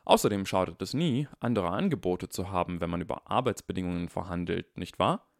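Man reading a calm, clever wizard boy. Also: deep voice, fairly quick, creaky, no echo, studio quality. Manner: polite, dryly clever.

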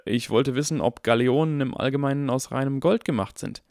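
Guy doing a clever eager kid, asks lots of questions, higher voice, dry audiobook read. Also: a little mellow, no room sound, close to an everyday voice. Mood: earnest. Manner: quick, earnest, inquisitive questioning. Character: eager, clever boy wizard, about eleven. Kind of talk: audiobook character voice.

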